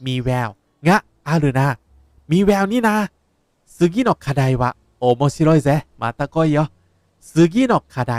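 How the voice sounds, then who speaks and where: Lively man teaching. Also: on the high side, unhurried, dry recording, clean studio sound. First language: Japanese. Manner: lively, explaining words with repetition. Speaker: Japanese language teacher. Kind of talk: game playthrough lesson.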